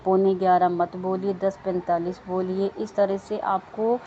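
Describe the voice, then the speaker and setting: A woman's voice: mid-range voice, flat delivery, unhurried, dark tone, highs cut off, a little hiss or hum. A woman with children giving an earnest devotional talk to listeners, repeating words of thanks and chanting mantras. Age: adult with children.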